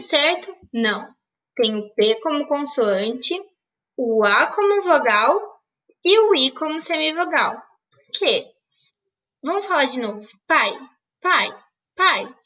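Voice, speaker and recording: A woman teaching a grammar lesson in a high, bright voice. She asks questions and answers them herself. The recording sounds distant and slightly muffled. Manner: didactic, asks and answers her own questions.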